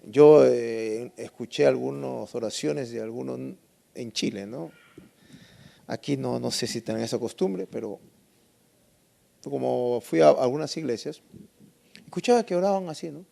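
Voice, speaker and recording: A man's voice: mid-range voice, unhurried, vocal fry, long pauses, mellow. A man preaching a Bible lesson sermon, emphatic and asking the congregation rhetorical questions.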